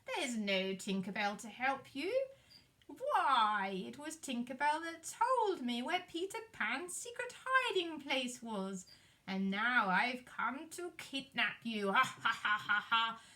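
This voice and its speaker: A woman voicing a sly, dastardly pirate captain for a puppet show, with drawn-out wheedling and a theatrical villain's manner. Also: a little high, sing-song, pushed and bright, full character voice. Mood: gloating, menacing.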